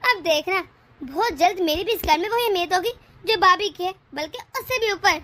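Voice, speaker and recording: A woman's voice: very high voice, moderate pace, bright, forceful tone, a little hiss or hum. A woman voicing a scheming young daughter-in-law in a cartoon, speaking in a sweet but demanding way. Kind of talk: cartoon voice acting.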